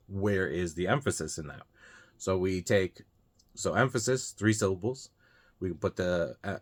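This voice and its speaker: Deep-voiced man explaining poetry casually. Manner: loose and unscripted, frequent uh and you know, restarts. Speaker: host of a reading channel.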